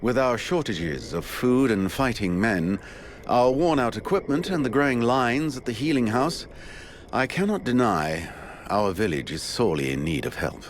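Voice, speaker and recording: Earnest, animated town steward. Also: male voice, medium pitch, normal speed, a little hiss or hum. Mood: weary. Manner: formal, earnest. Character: burdened, formal town steward. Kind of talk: video game voice acting.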